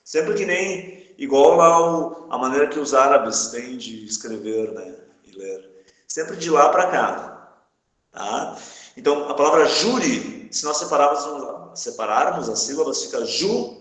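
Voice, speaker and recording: A man's voice: fairly high pitch, lively intonation, unhurried, fairly bright tone. A man teaching a live class, who checks in with his students again and again. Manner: checks in often with the class, asking "tá?". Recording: echoey room.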